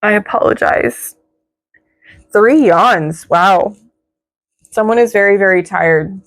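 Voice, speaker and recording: A young woman giving a casual tarot reading in a reflective, encouraging way. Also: mid-range voice. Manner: slow, reflective, spiritual, encouraging. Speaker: tarot reader.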